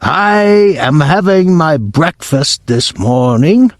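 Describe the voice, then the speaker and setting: A man reading aloud and voicing a tyrannical female witch leader who screams slowly in stiff, clipped phrasing. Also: a little high, lively intonation, no echo, studio quality, voice pushed up. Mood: ranting. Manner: slow, screaming, clipped foreign-sounding syntax.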